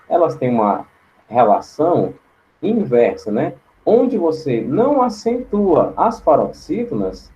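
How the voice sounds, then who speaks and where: A man's voice: mid-range voice, dull audio. A male teacher giving an online class lecture, explaining step by step, often asking "right?" and repeating words aloud to show how they sound. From Brazil. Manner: frequent checking tags.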